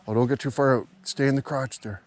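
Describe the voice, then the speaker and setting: Vlogging outdoors in a yard and driveway, a man banters casually, swearing freely and joking around. His medium-pitched voice moves at a quick pace with fairly even intonation, and vehicle and ambient noise fill the recording.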